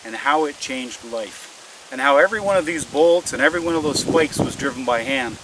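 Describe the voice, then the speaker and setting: A man's voice: medium pitch, moderate pace, a bit bright. A middle-aged man talks to viewers in an outdoor vlog, folksy and full of wonder. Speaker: vlogger. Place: outdoors in woods and a logged clearing. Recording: windy outdoor audio, far from mic.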